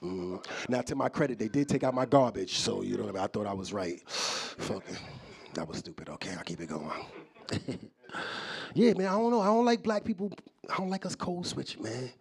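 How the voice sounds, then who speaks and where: A man's voice: mid-range voice, fairly quick, vocal fry, husky. A man from New performing a live stand-up set, talking loosely and straight to the crowd. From New York. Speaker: stand-up comedian. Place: live comedy show in an office building.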